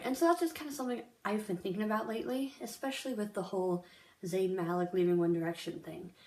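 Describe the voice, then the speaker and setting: A young woman vlogger with a mid-range, slightly mellow voice talks to the camera in a casual monologue. She's chatty and earnest and uses plenty of fillers, recorded in an echoey room.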